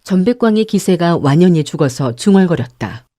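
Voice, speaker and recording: A woman narrates an audiobook with calm, measured storytelling. Her voice is lowish and mellow. The recording is dry and close. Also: dry recording. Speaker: audiobook narrator and channel host.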